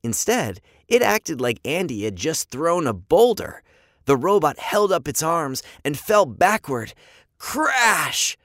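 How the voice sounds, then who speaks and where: Lively children's-story narrator. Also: medium pitch, a little slow, no room sound, studio quality. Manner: lively, expressive reading with sound effects.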